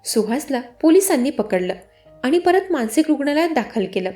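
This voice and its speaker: A woman's voice: sits high, very animated, moderate pace, mellow. A woman narrating a suspenseful first-person story in a dramatic storyteller's manner. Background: faint music.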